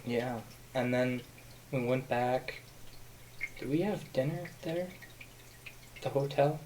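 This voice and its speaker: A young man chats casually on a podcast, winding through a story with lots of fillers. His voice sits at an ordinary middle pitch. A faint hiss of noise runs underneath. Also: takes it slowly, a little mellow, poor audio. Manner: rambling storyteller, many fillers. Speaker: podcast host. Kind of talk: casual chat.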